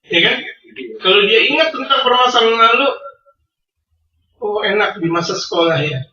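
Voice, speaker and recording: A man preaching a sermon, animated and teasing, swinging between loud and soft. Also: very high voice, moderate pace. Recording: echoey hall, distant mic, dull sound.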